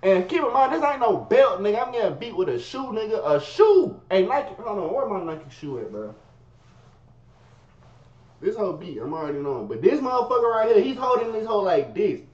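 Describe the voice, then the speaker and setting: A man telling a story in casual, profane street slang, swinging from low mutters to high yelps. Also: very animated, fairly quick. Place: his bedroom. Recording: roomy, dull lo-fi sound.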